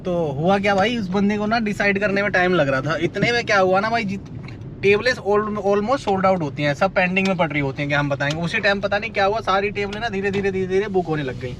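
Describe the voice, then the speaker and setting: A young nightlife vlogger from India with a Delhi Hindi accent tells a story in a chatty, casual vlog, laughing as he goes and often calling the viewer "bhai." He talks fast in a high-pitched voice, in and around a car on city streets with a noisy background.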